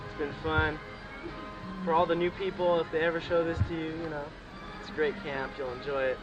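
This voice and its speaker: A man's voice: on the high side, little pitch movement, a little fast. A young man from Nevada chats casually and ramblingly while filming outdoors at a camp. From Nevada, United States. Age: young adult. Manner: rambling, informal. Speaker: camper filming with a camcorder. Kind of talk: casual off-the-cuff chat. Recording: dull camcorder sound, music behind.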